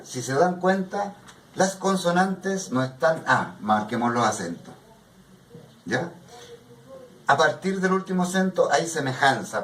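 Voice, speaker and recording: A man's voice: medium pitch, a little hiss or hum. A man teaching a poetry workshop in a classroom, explaining patiently and often checking that students follow. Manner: patient, keeps checking understanding with "¿ya?". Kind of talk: classroom lecture. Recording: echoey room from a distant mic.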